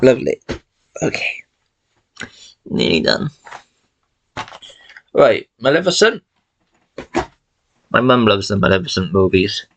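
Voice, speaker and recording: A man's voice: on the low side, sing-song, takes it slowly, creaky, pauses often, a bit bright. A man in his thirties chatting casually through his film collection late at night, tired and yawning, rambling and swearing now and then. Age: 30s. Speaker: collection vlogger.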